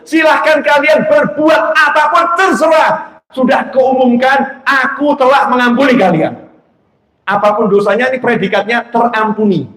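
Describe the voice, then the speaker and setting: A man preaching a sermon, telling stories and swinging between loud exclamations and soft asides. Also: very high-pitched, moderate pace, roomy sound.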